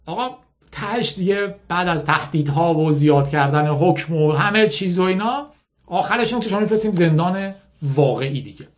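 A man's voice: sits high, lively intonation. Frank, conversational man telling stories. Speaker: storyteller. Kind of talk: casual personal storytelling and reading aloud.

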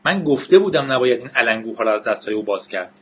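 A man's voice: mid-range voice, expressive, husky, lo-fi sound. A man voicing a stern, contemptuous male federal agent in a cold, clipped way.

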